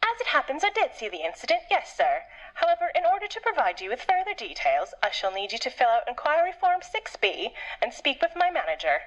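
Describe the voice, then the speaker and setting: An actress playing a cheeky phone clerk who also drives a truck, officious and teasing, in a game. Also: female voice, sits high, big pitch swings, fairly quick, few pauses, highs cut off.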